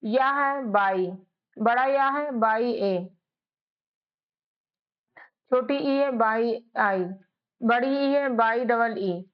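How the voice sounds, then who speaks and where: A woman teaching English spelling to beginners, drilling sounds letter by letter and often asking and answering her own questions. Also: fairly high pitch. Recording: dull lo-fi audio.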